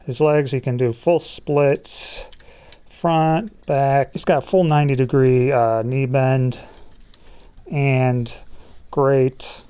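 A man doing a relaxed, joking toy review, talking through each detail as he handles the figure at a table in a small studio. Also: medium pitch, smooth. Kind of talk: casual toy review chat.

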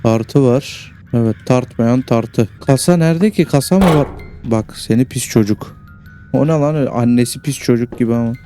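A man's voice: medium pitch, normal speed, warm tone, faint music behind. Crude, jumpy man playing horror games. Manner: crude, swears constantly, jumpy reactive banter. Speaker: horror game streamer. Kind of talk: casual gameplay commentary.

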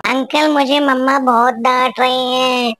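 A woman voicing a little girl who has been scolded by her mother, talking in a slow, pleading, whiny way. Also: sits high, steady tone, a bit bright. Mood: tearful pleading.

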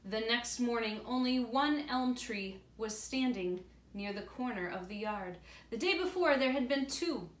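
Here a middle-aged woman, acting as a teacher, explains a picture book to young students as she reads it aloud. Her pitch sits on the high side, her intonation is lively, and her pace is a little slow. The camera a few feet away records her at home by a glass door, with an echoey room and faint room noise.

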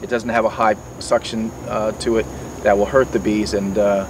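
It's an outdoor demonstration in a garden: a middle-aged beekeeping mentor goes over his tools step by step, with plenty of fillers and restarts. He speaks at a normal pace, on the low side, in a level tone, and the far-off mic lets in the surrounding outdoor sound.

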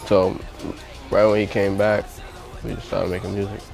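A man's voice: lowish voice, flat delivery, moderate pace, vocal fry, darkish tone. A young man from Long Island talking casually about his past as a rapper, in loose, slangy speech. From Long Island, USA. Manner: laid-back, loose slangy speech with many fillers. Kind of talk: casual interview talk. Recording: music bed behind the voice.

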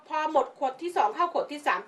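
An older woman tells her story in a high voice, full of life and quick to act out other people's lines. She sounds a little away from the mic, and a faint hum runs behind her. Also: lively intonation, a bit bright. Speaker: customer giving a testimonial. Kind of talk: animated spoken testimonial. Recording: distant mic with faint background noise.

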